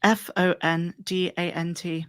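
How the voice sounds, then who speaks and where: Low-pitched woman with matter-of-fact replies. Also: flat delivery, measured pace, clean tone, dry recording, studio quality. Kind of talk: casual chat.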